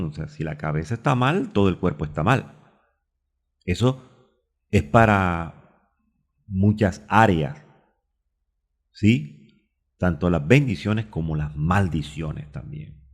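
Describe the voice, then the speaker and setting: A man's voice: deep voice, a little mellow. A man with a Colombian Spanish accent preaching a radio sermon, stopping to look up Bible verses aloud and drawing out key words. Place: radio studio.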